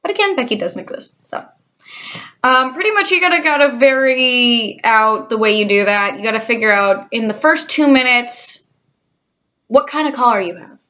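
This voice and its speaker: A woman's voice: fairly high pitch, moderate pace, pushed and bright. A woman in her twenties who works in a call centre, chatting candidly with a sarcastic, cynical edge. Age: 20s. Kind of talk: casual vlog chat.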